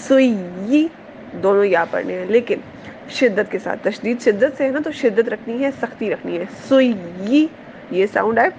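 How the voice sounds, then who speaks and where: A woman teaching Quranic pronunciation in a tajweed lesson. She explains each sound patiently, repeats it slowly and checks her students understand. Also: mid-range voice, vocal fry, darkish tone, slight background noise.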